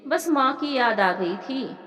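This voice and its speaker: A woman's voice: sits high, expressive, takes it slowly, fairly bright tone, full character voice. A woman voicing a troubled young bride. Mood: guarded. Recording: roomy with long reverb.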